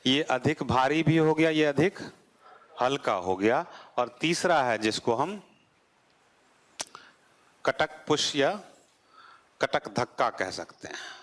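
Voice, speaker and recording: A male teacher gives a classroom geography lecture at a moderate, mid-range pitch. He keeps putting rhetorical questions to the class and answering them himself. His voice falls low as he closes off each point. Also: animated, takes it slowly, pauses often, fairly bright tone.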